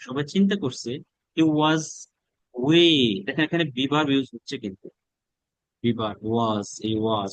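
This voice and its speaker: Bangladeshi male English teacher, fairly high voice, dry close sound, patient and repetitive lecture delivery. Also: dry recording, low-quality recording. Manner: explains patiently, repeats phrases, asks the class questions. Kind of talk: online class lecture.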